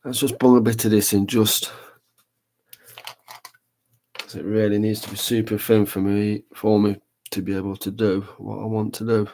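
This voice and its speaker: A man's voice: on the low side, little pitch movement, normal speed, warm tone. A man chatting casually on a live stream while painting a model, rambling and thinking aloud as he works. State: talking with a brush in his mouth.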